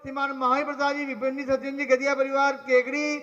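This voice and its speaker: The announcer's voice is extremely high, sharp, quick, and completely flat as he reels off donor names and blessings at a temple ritual. It's recorded lo-fi and dull in an echoey temple hall.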